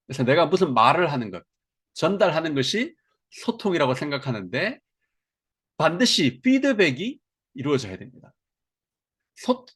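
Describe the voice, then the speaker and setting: A middle-aged man teaches a seminar on communication. His voice swings widely in pitch, and he keeps the room engaged with questions he then answers himself. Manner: animated, asks the audience questions. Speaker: lecturer on counseling.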